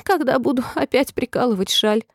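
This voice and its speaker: A woman's voice: a little high, normal speed, no room sound, studio quality, voice pushed up. A woman reading a storybook, voicing a fretful, whimpering old queen who breaks into squealing cries. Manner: wailing, squealing cries, then oddly calm.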